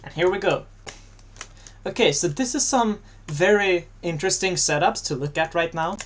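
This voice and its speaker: An esports commentator casts a video game match, chatty and jokey, his high, fairly bright voice rising when fights break out. He speaks at normal speed over slight background noise.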